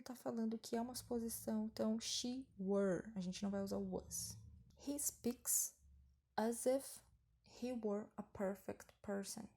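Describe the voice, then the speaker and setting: Brazilian lady teaching english grammar, kinda husky voice, chatty, keeps asking ok?. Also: medium pitch, dark tone. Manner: chatty, explains patiently with frequent tag questions. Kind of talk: casual online English lesson.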